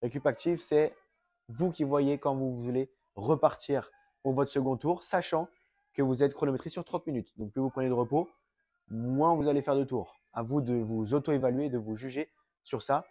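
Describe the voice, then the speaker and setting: A French fitness coach with a cold walks viewers through a home workout circuit step by step, speaking directly to them from a fitness studio. He breathes through his mouth and quickly gets out of breath. His voice is male, medium-pitched, and moderately paced, on a dry, muffled recording.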